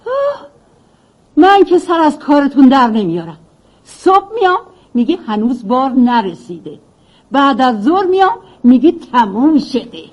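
A woman's voice: high voice, sing-song, darkish tone, dull audio. A woman playing a skeptical customer in a dubbed drama, dryly complaining.

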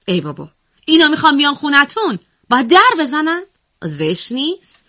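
A woman's voice: sits high, very animated, bright, forceful tone. A woman presenting a chatty, mock-scolding comic radio monologue.

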